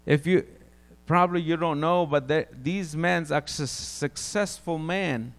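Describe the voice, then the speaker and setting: A Guatemalan preacher with a Guatemalan Spanish accent and a slightly high voice gives an informal testimony sermon. He halts and repeats words as he speaks.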